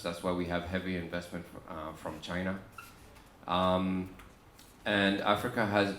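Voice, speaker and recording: A man with an Australian accent speaking on a conference panel, relaxed and halting with many ums and restarts. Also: low-pitched, a little hiss or hum. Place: conference room. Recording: echoey conference room with faint ambience.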